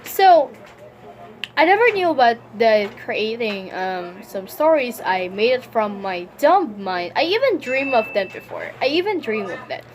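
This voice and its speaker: A woman's voice: on the high side, big pitch swings, unhurried, slight background noise. Rambling woman vlogger with a stuffy nose. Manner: rambling, self-correcting, giggly. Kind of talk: casual Q&A vlog.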